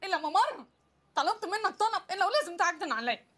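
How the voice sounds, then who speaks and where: An actress playing an exasperated, quick-tempered young wife in a comedy film, scolding in an Egyptian accent. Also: female voice, sing-song, fairly bright tone, full character voice. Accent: Egyptian Arabic. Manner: scolding, shrill, rapid-fire.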